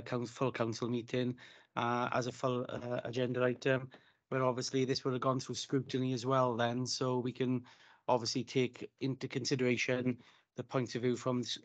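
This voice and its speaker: A man's voice: mid-range voice, dull audio. A man speaking as a councillor, agreeable and procedural as he accepts the proposal. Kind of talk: formal meeting debate.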